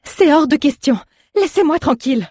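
Brief: reader doing a scared young girl, shrill and loud, storybook. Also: animated, moderate pace, dry recording, studio quality. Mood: panicked.

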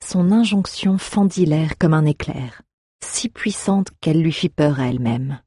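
A woman reading a fantasy story aloud as narrator, in an expressive storytelling manner. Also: low voice, unhurried, husky, dry recording, clean studio sound. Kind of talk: audiobook narration.

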